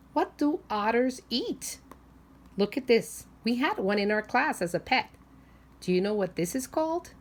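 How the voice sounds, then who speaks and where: A preschool teacher with a medium-pitched voice reads a picture book aloud to young children. She explains things simply, asks them questions and stretches out the key words.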